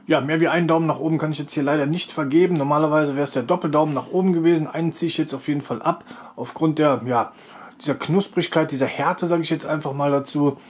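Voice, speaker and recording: A man's voice: a little high, steady tone, fast, husky. A man hosting a food review video, talking casually as he narrates a taste test.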